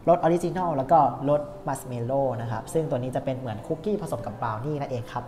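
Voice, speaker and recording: A man's voice: medium pitch, fast talker. A young man with an upbeat, polite tour-guide manner walks through a cafe, chatting casually to the camera. His voice sits close on a clip-on lapel mic, with a faint hum of background noise. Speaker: host. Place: indoor cafe in an old shophouse.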